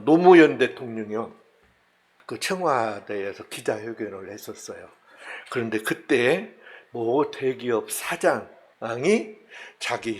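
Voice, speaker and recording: A male pastor with a Jeolla Korean accent preaching a Sunday sermon, animated and acting out scenes. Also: mid-range voice. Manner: animated, acts out scenes with voices and laughs.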